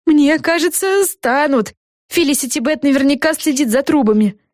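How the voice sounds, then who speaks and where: A woman voicing a flustered, motherly café owner who talks in a fretful, hurried way. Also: high-pitched, animated, no echo, studio quality, voice pushed up.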